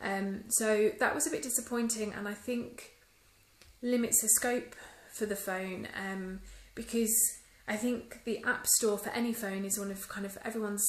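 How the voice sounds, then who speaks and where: A woman's voice: mid-range voice, fairly even intonation, moderate pace, a little hiss or hum. A woman records a casual vlog on a phone held at arm's length, chatting through her review with plenty of ums and small restarts. Her voice sits in a middle range, and the room around her is noticeably echoey. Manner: chatty, many ums, mildly disappointed.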